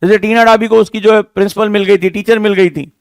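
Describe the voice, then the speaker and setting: A man lecturing a classroom of exam students, his voice pitched high for a man. He talks in an emphatic, rhetorical way, teasing and scolding his listeners as he drives each point home. The sound is dry and close. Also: steady tone, fast talker, clean tone, no echo. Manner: emphatic, rhetorical, scolding-but-jokey teacher talk. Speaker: exam coaching teacher.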